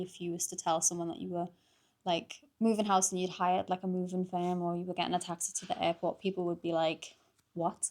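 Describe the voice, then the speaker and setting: This young female vlogger from Liverpool, England, has a Liverpool accent and a fairly low-pitched voice. She chats casually to the camera in a relaxed vlog, using lots of fillers and laughing often.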